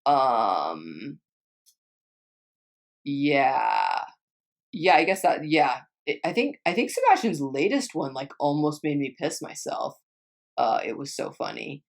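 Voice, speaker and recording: A woman's voice: sits low, very animated, slow, pauses often. A young woman from Texas chatting casually as a vlogger, rambling and swearing a lot, trailing off and restarting often. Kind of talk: casual chat answering viewer questions.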